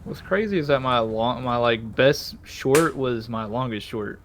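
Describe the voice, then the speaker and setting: Young male podcast host, mid-pitched, rambling, profane and self-deprecating. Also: a little slow, a little hiss or hum. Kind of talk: casual chat.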